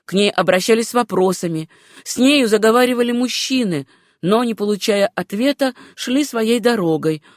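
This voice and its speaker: A woman narrating a novel as an audiobook, reading in a measured, unhurried way. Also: on the high side, no echo, clean studio sound.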